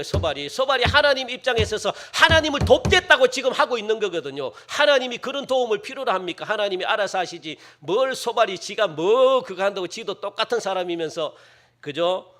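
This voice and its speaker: A middle-aged male pastor preaching with a high, bright voice that swings widely in pitch. He talks in a conversational, animated way, prodding the congregation with quick questions and acting out the people he quotes. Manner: lively, conversational preaching with frequent rhetorical "예?" and "어?"; acts out quoted speakers in shifting voices. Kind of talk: sermon.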